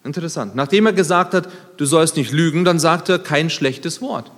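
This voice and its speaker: A man in his thirties preaching a sermon, lively and conversational, swinging between loud emphatic lines and quiet, low asides. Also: normal speed. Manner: conversational, self-deprecating asides. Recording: long hall reverb.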